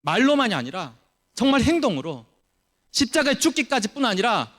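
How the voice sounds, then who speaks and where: A male pastor preaching a sermon, animated, acting out the people he quotes. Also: very high-pitched, brisk. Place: church sanctuary.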